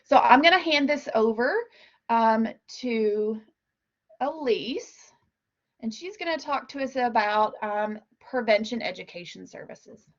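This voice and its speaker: A woman's voice: fairly high pitch, lively intonation, measured pace. Woman presenting slides, muffled audio. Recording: dull, lo-fi online meeting audio.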